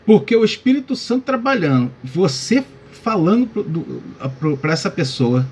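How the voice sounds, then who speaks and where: High-pitched and husky, a little mellow, this man's voice swings widely in pitch at normal speed. He's a pastor giving a relaxed Bible lesson, addressing listeners as brother and peppering his talk with fillers like "tá?" and "né?".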